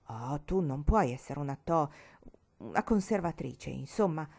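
Una donna che legge dà voce a una bambina seria e sensibile, che si offende facilmente. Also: female voice, low-pitched, lively intonation, measured pace, gravelly, a little mellow, slightly rough, pitched below the performer's own voice, exaggerated voice. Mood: earnest. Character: earnest sensitive little girl. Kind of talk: audiobook reading.

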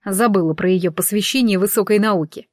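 A woman narrating a first-person audiobook in an expressive, conversational way. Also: mid-range voice, a little fast, no room sound, clean studio sound.

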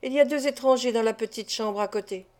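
A woman reader puts on a knowing tavern servant who keeps his voice hushed and secretive, in a storybook reading. It sits a touch high. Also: fast talker, lightly acted.

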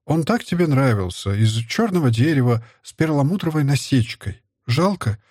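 A man reading an audiobook and voicing a worried middle-aged wife, lifting his husky voice for her gentle, coaxing lines. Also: expressive, normal speed, no echo, studio quality. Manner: gently coaxing, raised pitch. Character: anxious, tender middle-aged wife and mother. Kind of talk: audiobook character voice.

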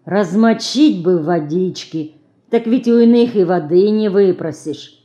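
A woman reader voicing a weary, poor old organ grinder who speaks slowly in a folksy, mildly complaining way. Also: medium pitch, mellow, natural voice. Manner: slow, folksy, mild complaining.

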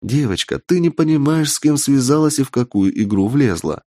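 A man's voice: medium pitch, animated, moderate pace, dark tone, no room sound, clean studio sound, voice pushed up, natural voice. A man voicing an imperious, ambitious witch who speaks coldly and commandingly, in a raised voice. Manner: cold, commanding, menacing.

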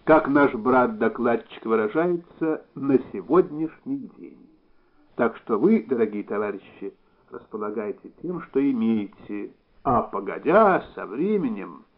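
A male narrator puts on an older Soviet official of real weight, slow and folksy in his speech. He lays out each phrase deliberately, in a middling voice. The audiobook recording sounds a little dull. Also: medium pitch, expressive. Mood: wistful.

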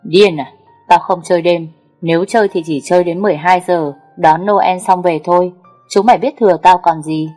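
A woman's voice: on the low side, steady tone, normal speed, dark tone, faint music behind, lightly acted. A woman voicing a heartbroken, irritable young man in an audio story, curt and snappish. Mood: irritated.

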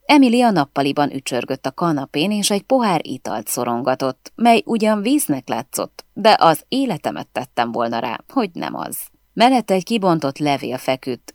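A woman reading a first-person novel aloud as an audiobook narrator, with an expressive storytelling delivery. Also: deep voice, few pauses, no room sound, studio quality.

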